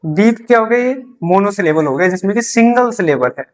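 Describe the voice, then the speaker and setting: A teacher delivers a beginner English lesson explained in Hindi, speaking at a medium pitch with an expressive, fairly quick delivery. They repeat key terms, answer their own questions, and write examples on a board as they go.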